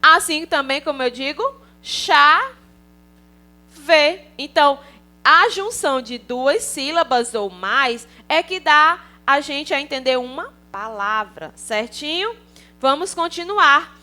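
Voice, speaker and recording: A Brazilian primary school teacher with a Brazilian Portuguese accent leads a recorded online class for young children. She is cheerful and coaxing and checks in with the kids often. Her high voice is animated, unhurried, pushed and bright.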